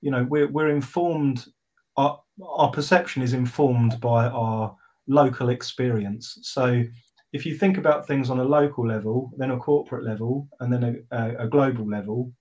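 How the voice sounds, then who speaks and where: A man in a casual discussion, explaining his point slowly and haltingly through analogies, with many pauses and fillers. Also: medium pitch, darkish tone.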